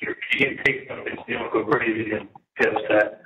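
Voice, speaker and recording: A man calling his parents from a jail payphone, talking in halting bursts and restarting his words. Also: lowish voice, steady tone. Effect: jail payphone line. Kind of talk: casual phone call. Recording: muffled, echoey, noisy payphone line.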